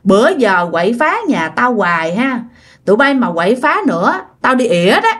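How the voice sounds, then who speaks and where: In a spoken ghost story, a woman puts on an indignant husband who rants crudely at unseen spirits. The voice sits high and pushes hard, blunt and coarse in every word. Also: sing-song, moderate pace, fairly bright tone. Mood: angry, crude. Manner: crude angry ranting.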